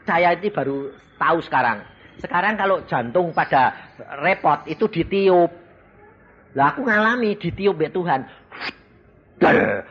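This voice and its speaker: An older man preaching a sermon with personal testimony, speaking Indonesian with a Javanese accent and swinging from soft asides to loud exclamations. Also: sits high, expressive, unhurried, pauses often, husky. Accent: Javanese-tinged Indonesian. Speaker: evangelist preacher. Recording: slightly dull sound with faint background noise.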